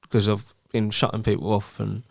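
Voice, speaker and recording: Halting, gravelly low-voiced man. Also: completely flat delivery, no echo, clean studio sound. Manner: hesitant, halting, many restarts. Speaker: guest. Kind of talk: candid personal talk.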